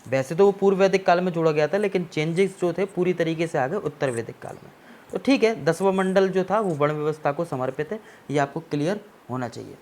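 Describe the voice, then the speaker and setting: A man's voice: on the high side, brisk, darkish tone. A man teaching an exam-prep history lesson, explaining step by step and often checking that students follow, with English words mixed into his Hindi. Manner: explanatory, repeats "ठीक है ना" to check understanding.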